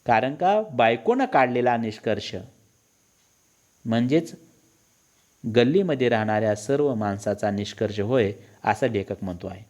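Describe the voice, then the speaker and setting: Male teacher, explanatory classroom delivery, defines words, medium pitch. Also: animated, measured pace, darkish tone.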